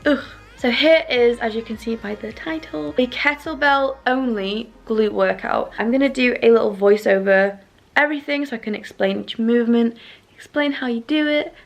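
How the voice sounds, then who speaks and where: Chatty young woman with a high-pitched voice. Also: normal speed, gravelly. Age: young adult. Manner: chatty, rambling, emphatic repetition. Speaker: fitness vlogger. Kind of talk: casual chatty vlog and workout voiceover.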